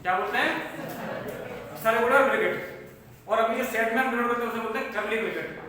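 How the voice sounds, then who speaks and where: Bright-voiced math teacher in an echoey room. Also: male voice, extremely high pitch, quick pace, slight background noise. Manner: asks the class questions and jokes between points. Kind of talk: classroom lecture. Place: classroom. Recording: echoey classroom from far off.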